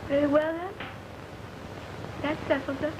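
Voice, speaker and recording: High-voiced stage girl from Texas, early talkie, heavy hiss. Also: fairly even intonation, unhurried. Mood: resolute. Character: young woman, stage performer, torn and resolute. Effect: early talkie film recording. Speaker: stage actress. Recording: hissy early sound-film soundtrack.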